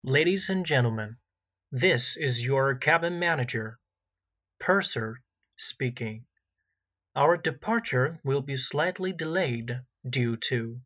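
A man reading recorded airline cabin announcements in a formal, measured way, pausing where details would be filled in. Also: medium pitch, expressive, fairly bright tone, highs cut off. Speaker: in-flight announcer.

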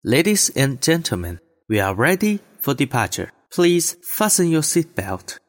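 A man delivers formal in-flight safety instructions, his pitch moving freely up and down. A long reverb trails behind each phrase. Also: unhurried. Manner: formal, even announcement delivery. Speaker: cabin announcement reader. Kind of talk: scripted in-flight announcement.

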